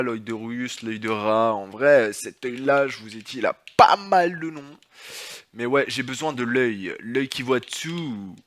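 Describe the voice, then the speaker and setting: A young man giving casual commentary over his own gameplay, talking straight to viewers, joking, and swearing and shouting at the enemies that attack him. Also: medium pitch. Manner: jokey, talks straight to viewers. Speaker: gaming YouTuber.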